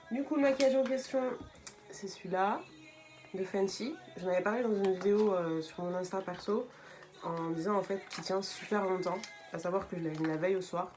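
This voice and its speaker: A woman's voice: mid-range voice, darkish tone. A young woman hosting a casual makeup tutorial vlog, chatting and explaining each step with frequent fillers. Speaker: beauty vlogger.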